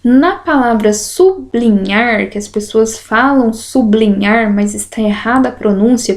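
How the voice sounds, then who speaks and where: Woman, teacher walking through exercises, slow careful delivery, stretched syllables, slightly high voice. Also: a little mellow. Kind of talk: explanatory lesson, correcting exercises.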